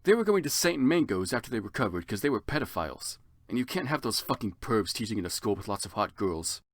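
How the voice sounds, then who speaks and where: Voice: mid-range voice, sing-song, fast talker, no room sound. A narrator giving a theatrical, exaggerated comedic reading of fan fiction.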